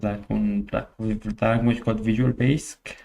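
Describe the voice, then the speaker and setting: A man's voice: lowish voice, flat delivery, moderate pace, gravelly, mellow. A young man from Syria, a guest in an interview, speaking hesitantly with many fillers and restarts. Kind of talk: casual interview.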